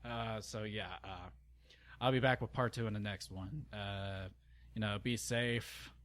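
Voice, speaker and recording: A man's voice: fairly low pitch, steady tone, measured pace, fairly bright tone. A young man giving a dramatic reading of fan fiction, breaking off with groaning, exasperated asides and stumbling over words.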